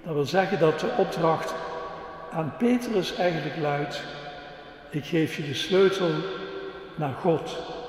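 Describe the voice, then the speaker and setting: A male preacher with a somewhat high voice delivers his sermon slowly and deliberately. The sound is heavily echoey, carried by the long reverb of a large church. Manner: measured, unhurried, solemn. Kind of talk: sermon with a children's story.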